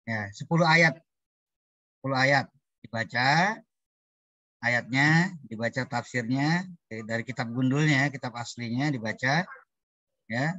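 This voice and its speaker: A man's voice: medium pitch, fairly bright tone, no room sound. Male lecturer, online class, repeats points patiently, jokes with wordplay; dull, dry call audio. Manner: repetitive, explanatory, playful wordplay. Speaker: Islamic studies lecturer. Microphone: video call.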